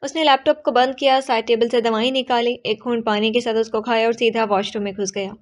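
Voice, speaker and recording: A woman narrating an audio novel in an even, descriptive storytelling manner. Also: a little high.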